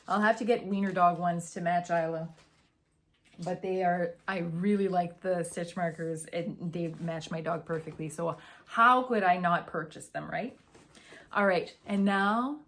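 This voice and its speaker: A woman's voice: lowish voice, a bit bright. A young woman hosting a casual knitting podcast, chatty and gushing, tired after a morning run. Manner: chatty and gushing, with fillers and restarts. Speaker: podcast host.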